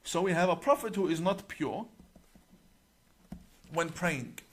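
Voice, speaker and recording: A man with a somewhat high-pitched voice delivers an explanatory talk straight to camera. His manner is deliberate and emphatic as he works through his sources page by page, stressing key points. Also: expressive. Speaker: religious cleric.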